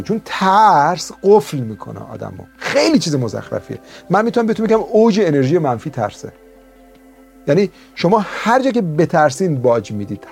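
Animated Persian-speaking male life coach. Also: a little high, breathy edge. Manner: storytelling, emphatic, shifts between slow stresses and quick bursts. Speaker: self-help teacher. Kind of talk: motivational talk.

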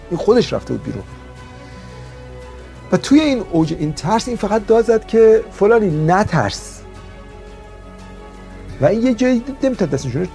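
A man giving a motivational talk as a self-help teacher, telling stories with emphatic, drawn-out stresses and quick bursts. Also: high voice, gravelly, dark tone. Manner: storytelling, emphatic, shifts between slow stresses and quick bursts.

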